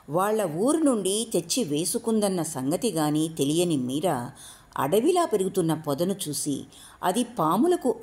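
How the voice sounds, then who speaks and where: A woman narrating an audiobook story in an expressive, measured reading. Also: fairly low pitch.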